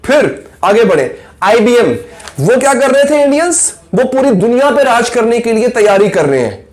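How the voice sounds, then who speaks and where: A man's voice: very high-pitched, very animated, normal speed. A man from Pakistan, giving an earnest, self-critical video monologue full of rhetorical questions. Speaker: YouTube commentator.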